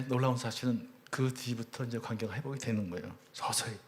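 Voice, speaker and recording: A man in his fifties, a church elder, telling his personal testimony with earnest storytelling, his voice swelling high at emotional peaks and dropping to a hushed near-whisper at tender moments. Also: brisk, background noise.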